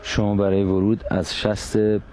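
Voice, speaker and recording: Male interviewer, mellow tone, careful and clarifying. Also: on the low side, monotone. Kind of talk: probing interview questions.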